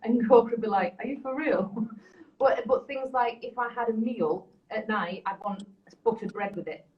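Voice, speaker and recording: A woman's voice: on the high side, normal speed, recorded from a distance. A woman, chatting casually as a podcast co-host and telling anecdotes. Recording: muffled sound from off-mic.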